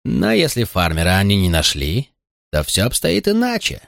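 A level-headed frontier sheriff who speaks firmly and calmly, with lively pitch movement, as a male narrator acts him. The take is dry and close. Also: normal speed, vocal fry, no echo, full character voice. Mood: firm steady. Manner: firm, calming.

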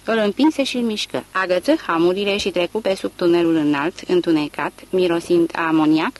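An audiobook narrator reading a literary novel in a measured, expressive way. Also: mid-range voice, rough recording.

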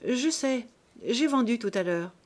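A woman voicing a shrewd, unhurried male politician with a sly, matter-of-fact manner in an audiobook. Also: fairly high pitch, animated. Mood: calm. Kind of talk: audiobook character voice.

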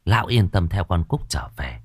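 Man narrating an audiobook, lowish voice that swings wildly, dry close sound. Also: sing-song, normal speed, a little mellow, husky, no room sound. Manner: dramatic storytelling with shifting voices. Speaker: storyteller.

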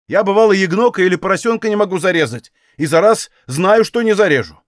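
A man's voice: sits high, fast, no room sound, clean studio sound, close to an everyday voice. A man doing a stubborn young Cossack man. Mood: defiant. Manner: blunt, folksy rural speech.

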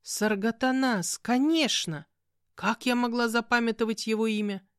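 A woman narrating a fantasy audiobook in the first person, with an expressive, animated reading. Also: on the high side, normal speed, dry recording, studio quality.

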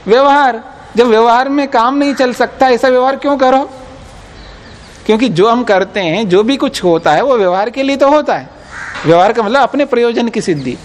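Casual lecturing guy, high voice, keeps asking the class if they follow, pushes back firm. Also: a little hiss or hum. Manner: explains patiently, quizzes listeners, firm and insistent. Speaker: teacher of philosophy.

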